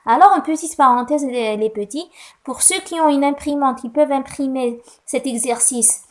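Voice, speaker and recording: A woman teaching a recorded lesson to young pupils, patient and deliberate, fondly calling them her little ones. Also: high voice. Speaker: primary school French teacher.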